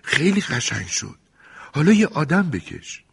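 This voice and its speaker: A man putting on a playful, curious schoolgirl in a storybook, raised high above a deep husky voice. She whispers eagerly and pleads, with a long echo trailing behind. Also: very animated, heavily acted. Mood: eager, pleading.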